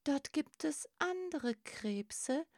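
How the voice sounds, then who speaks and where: A woman's voice: high voice, expressive, very slow, dry recording, clean studio sound, voice pushed up, full character voice. A woman voicing a small, timid young male crab who stammers in wonder, in a storybook reading. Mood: awed.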